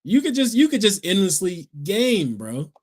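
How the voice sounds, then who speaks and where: Man, gaming podcast co-host, relaxed slangy talk, fairly high lively voice. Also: moderate pace. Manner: relaxed, slangy, reads out viewer comments. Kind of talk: casual chat.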